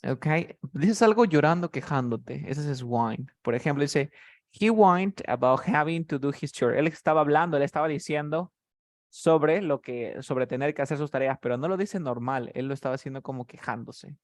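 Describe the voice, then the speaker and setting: A man's voice: fairly high pitch, moderate pace. A man teaching English vocabulary in a tutoring session, explaining words patiently step by step.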